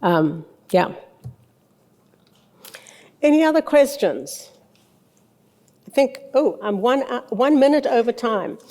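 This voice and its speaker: Older woman, mellow tone, frank conference speaker, conversational answers, long room reverb. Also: a little high, lively intonation, takes it slowly, pauses often. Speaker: conference presenter. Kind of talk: answering audience questions, informal talk. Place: large hotel ballroom stage. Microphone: podium microphone.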